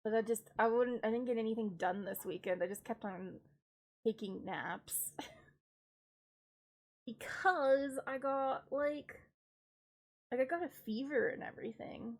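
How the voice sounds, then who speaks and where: A young woman streamer with a stuffed-up, congested voice chats casually, a little high and a little slow, with long pauses. She's self-deprecating and giggly, laughing at herself in asides.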